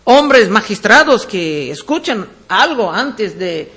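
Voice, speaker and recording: Man, very high voice, preacher, Bible teaching sermon, reads verses then explains them. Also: big pitch swings, pushed and bright. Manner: reads scripture aloud, then explains it deliberately.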